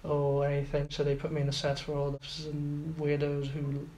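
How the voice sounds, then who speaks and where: In a casual interview, a young Iraqi man in his twenties speaks briskly and in a monotone, his voice on the high side with a darkish tone. He is hesitant, restarting often and filling gaps with fillers. There's a roomy echo and faint background noise.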